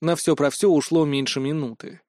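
A man reads a first-person novel aloud with a wry, lively touch. His voice sits fairly high, recorded close and dry with no room sound. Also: brisk, no echo. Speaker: audiobook narrator. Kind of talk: first-person scripted narration.

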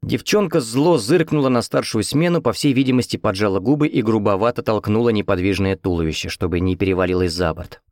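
A man narrating an audiobook in the first person with a steady, even reading. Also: lowish voice, fairly quick, hardly any pauses, no room sound, studio quality. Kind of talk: scripted narration.

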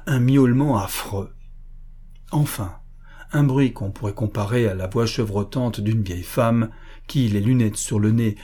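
A man reading a classic story aloud as scripted narration, in a steady, measured way and with a husky voice. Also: medium pitch. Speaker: audiobook reader.

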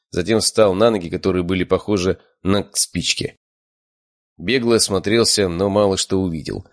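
Low-voiced guy reading a first-person audiobook, wry matter-of-fact, dry close sound. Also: dry recording. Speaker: audiobook narrator.

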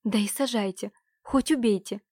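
A woman's voice: fairly high pitch, normal speed, a little mellow, no room sound, clean studio sound. A woman reading a defiant young noble girl. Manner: defiant, pleading. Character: stubborn, desperate 18-year-old noble girl.

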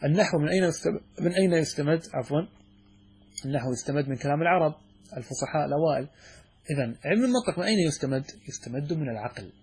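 Guy lecturing students, kinda husky and a bit high, quizzes them then answers himself, lots of restarts. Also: animated, racing, darkish tone. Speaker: sheikh teaching a logic text. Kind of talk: classroom lecture.

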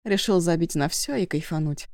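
A woman narrating an audiobook in the first person, steady and conversational, close to the mic. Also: fairly low pitch, normal speed, no room sound.

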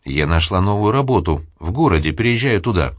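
A man's voice: low voice, lively intonation, brisk, dry recording, studio quality. A man voicing a proud, defiant young woman who talks coldly. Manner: cold, defiant.

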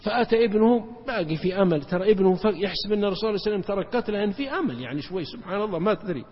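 Rapid high-voiced preacher in an echoing hall. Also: male voice, animated, slightly rough. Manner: emphatic, rapid, jumps in pitch for emphasis. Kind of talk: religious lecture storytelling. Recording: dull lo-fi recording with long hall reverb.

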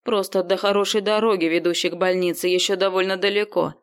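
A woman's voice: medium pitch, steady tone, quick pace, smooth, lightly acted. Lady playing a grumpy sly doctor guy, mutters and grumbles. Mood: grumbling.

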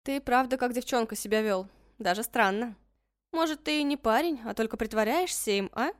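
A man's voice: very high voice, normal speed, smooth, no echo, studio quality, voice pushed up. A man voicing a protective, feisty teenage sister in an audiobook, coaxing and bossy by turns. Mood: chatty. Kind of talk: audiobook character voice.

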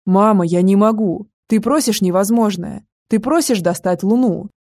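A woman's voice: medium pitch, moderate pace, dark tone, close to an everyday voice. A woman voicing a thirty-year-old sheikh, remorseful and hesitant, in an audiobook. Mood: conflicted. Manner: hesitant, conflicted speech.

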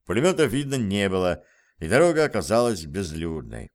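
A man narrating a war novel as an audiobook in an even, measured storytelling manner. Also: sits low. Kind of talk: scripted narration.

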